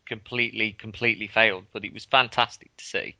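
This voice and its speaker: A man's voice: lowish voice, steady tone, fast talker, vocal fry, bright, forceful tone. A man co-hosting a podcast, recalling a game in casual chat with lots of ums and restarts. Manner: hesitant, many ums and restarts. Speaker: podcast co-host.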